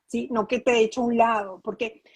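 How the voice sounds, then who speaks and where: Woman, a touch high and breathy, earnest explainer, close dry sound. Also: fairly even intonation, moderate pace, no echo, rough recording. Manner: earnest, explanatory, frequent restarts and rhetorical questions. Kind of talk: conversational interview.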